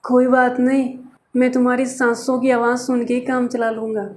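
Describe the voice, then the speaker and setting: A lovesick young man on a phone call, eagerly pleading with his girlfriend, as a teacher acts him out. He talks a touch higher than the teacher's usual voice, in a soft and anxious way. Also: monotone, normal speed, a little hiss or hum.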